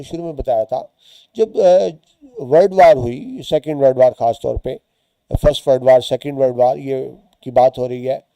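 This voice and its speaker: Dark-voiced teacher explaining a story. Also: male voice, a little high, dry recording. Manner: explains words and lines as he reads. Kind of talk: reading and explaining a short story to students.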